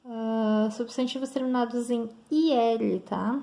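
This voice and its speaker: A woman's voice: a little high, steady tone, takes it slowly, creaky, mellow. A woman with a Brazilian Portuguese accent teaching grammar in an online lesson, explaining step by step and checking in often with her students.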